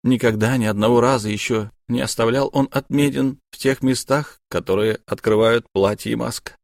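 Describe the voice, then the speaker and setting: A male narrator voicing a bruised young noblewoman who speaks softly, with a bitter, wistful edge. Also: medium pitch, moderate pace, gravelly, no echo, studio quality, close to an everyday voice. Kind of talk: audiobook character voice.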